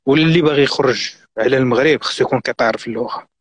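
Rapid-fire Moroccan man giving insistent advice. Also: mid-range voice, no room sound. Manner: earnest and insistent, mixing in French and English words. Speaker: guest. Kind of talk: live-stream advice talk.

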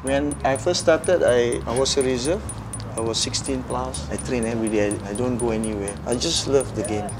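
A man's voice: mid-range voice, moderate pace, background noise. A middle-aged man from Singapore with a Singaporean English accent, a football coach talking casually and directly about his career. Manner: plain, direct, with local fillers.

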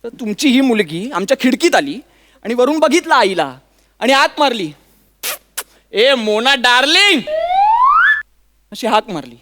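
An exasperated young son-in-law in a live stage comedy sketch. His voice sits very high and rings bright and forceful as he keeps interrupting to demand that someone listen. A faint hiss runs under the stage sound. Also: big pitch swings, a little fast, heavily acted. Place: stage before a live audience.

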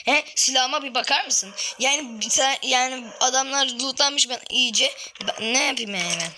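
A woman streams a mobile battle royale, her high-pitched, pushed, bright voice moving at normal speed over a slight hiss or hum. She gives casual commentary, grumbling and swearing in frustration as she plays.

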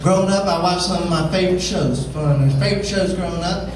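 Stand-up comic in an echoey club. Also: male voice, high voice, quick pace, noisy background. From West Virginia. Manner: switches between a put-on foreign accent and impressions. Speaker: stand-up comedian. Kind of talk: stand-up comedy set. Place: comedy club stage. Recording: roomy far-off live club recording. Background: audience laughter.

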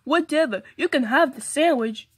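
A woman's voice: sits high, normal speed, close to an everyday voice. A woman voicing a grumpy male toy customer who pretends to be Italian in a doll play, impatient and blustering. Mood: huffy.

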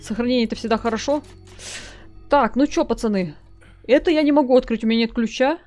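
A woman's voice: a little high, quick pace, darkish tone, faint music behind. Chatty woman narrating her gameplay. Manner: chatty, talks to viewers as "guys", reads notes aloud. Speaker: let's play gamer. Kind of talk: casual gameplay commentary.

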